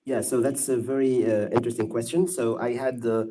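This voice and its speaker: A man, a guest on an online panel, explaining things in a measured way over a video call. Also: medium pitch, steady tone, mellow. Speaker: guest expert. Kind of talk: casual online panel chat.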